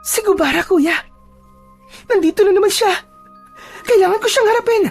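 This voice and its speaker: A woman's voice: extremely high pitch, moderate pace, soft background music, voice pushed up. A narrator voicing a brave young woman who hunts aswang, earnest and urgent.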